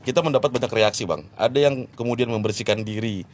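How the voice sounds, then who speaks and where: A man's voice: medium pitch, quick pace, a little hiss or hum. A man hosting an interview, asking questions politely and addressing his guest respectfully, often agreeing along the way. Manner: deferential, addresses guest as elder brother, frequent agreement. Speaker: interviewer, host.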